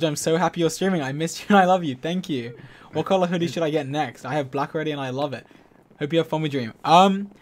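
A man chatting casually on a gaming stream, reading donations aloud and quick to laugh. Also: on the high side.

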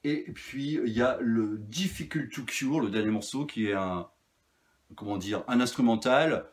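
A man's voice: mid-range voice, unhurried. A man casually reviewing his vinyl finds, chatty and rambling with many fillers and restarts. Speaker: record collector vlogger.

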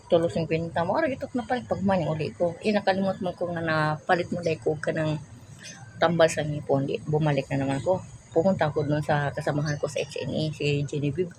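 A woman's voice: sits low, a little mellow, slight background noise. An older woman, chatting casually and telling a rambling personal story while she searches for words. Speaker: vlogger. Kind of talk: casual chat.

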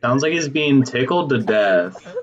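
A man's voice: mid-range voice, animated, unhurried, lo-fi sound. Young man cracking jokes on voice chat. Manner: dry joking commentary. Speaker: player in the lobby. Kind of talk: casual voice chat in a game lobby.

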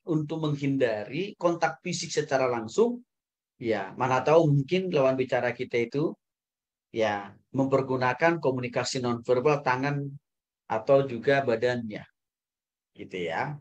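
A man, a pastor, giving a lecture to a Bible school class, animated, swinging between loud emphatic highs and soft low asides and often tagging his phrases with a quick "ya" or "saudara". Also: highs cut off.

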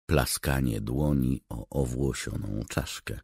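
A man reading an audiobook in a measured, scripted narration. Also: rumbling low, creaky, darkish tone, slightly rough, dry recording, studio quality.

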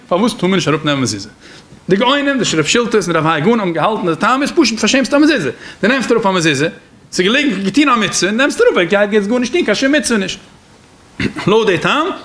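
A man with a Yiddish accent giving a Torah lecture as a rabbi, in a talmudic singsong with sudden swings in pitch. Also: a bit bright.

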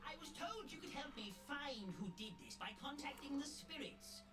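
A woman's voice: high-pitched, lively intonation, normal speed, fairly bright tone, faint music behind. A woman voicing a polite, earnest character in a cartoon adventure game. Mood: apologetic, earnest.

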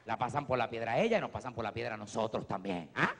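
A man with a Puerto Rican Spanish accent doing stand-up comedy in a theater, animated and shifting between low asides and loud bursts. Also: fast talker, slight background noise. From Puerto Rico. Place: theater stage. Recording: live theater with long hall reverb.

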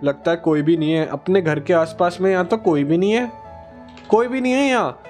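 A man hosting a gaming channel, voicing characters over gameplay in an excitable, repetitive style. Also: high voice, brisk, soft background music.

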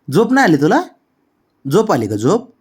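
Man cooing baby talk, lively sing-song. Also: fairly high pitch, husky. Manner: coaxing, doting sing-song. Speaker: pet owner. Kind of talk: baby talk to a pet cat. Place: home at night.

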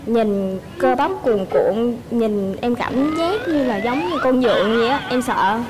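A woman's voice: a little high, animated, a little slow, a crowd in the background, background noise. A young woman, a dating show contestant, frankly and politely stating what she wants in a partner. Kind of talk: answering host questions.

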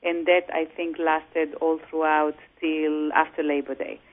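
A woman real estate broker and coach talking over the phone in an interview, measured and full of "you know" fillers. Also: low-pitched, flat delivery. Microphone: telephone. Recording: tinny phone line.

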